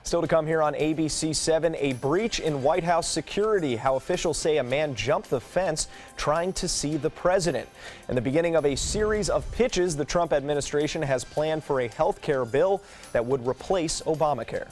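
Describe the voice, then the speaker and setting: A man's voice: on the high side, normal speed, a little mellow, faint music behind. An American man reading scripted local television news as an anchor.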